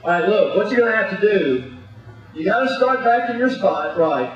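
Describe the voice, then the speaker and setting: A bossy, exasperated man coaching a clumsy student, his high voice swooping up and down as he scolds. He sounds far from the camera in a big echoey gymnasium, slightly muffled, with music faintly behind. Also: expressive, normal speed. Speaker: coach in a clown gymnastics act. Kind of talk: comic coaching patter over a live act. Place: large indoor gymnasium with audience. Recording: echoey distant muffled gym recording.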